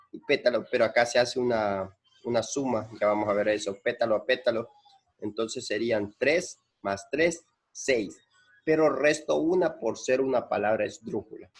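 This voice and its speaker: Man, teacher, husky voice, patient, repeats himself, counts aloud. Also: mid-range voice. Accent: Central American Spanish. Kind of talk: explaining a lesson.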